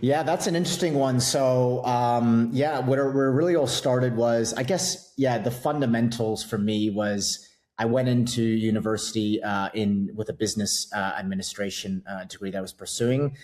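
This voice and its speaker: In a relaxed podcast interview, a middle-aged guest CFO with a Canadian accent fills his speech with ums and self-deprecating asides. His mid-range voice is steady and a touch mellow, delivered at a moderate speed.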